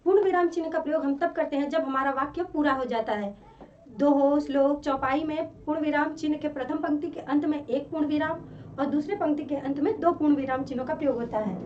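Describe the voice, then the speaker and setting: A woman teacher giving a classroom lesson, explaining slowly and repeating her examples. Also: high-pitched, a little mellow, slight background noise. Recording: dull, distant-sounding lesson recording.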